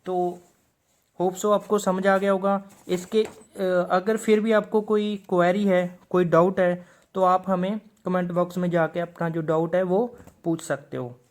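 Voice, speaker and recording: A man's voice: high-pitched, steady tone, unhurried. Patient man teaching a lesson. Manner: patient, repeats each example word twice. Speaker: shorthand teacher. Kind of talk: video lesson explaining.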